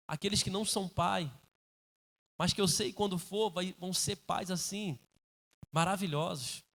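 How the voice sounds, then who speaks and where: A middle-aged man preaching as a pastor in a church, earnest and turning forceful as he exhorts, often calling the listeners "dear". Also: sits high. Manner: calls listeners "querido". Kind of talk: sermon. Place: church sanctuary.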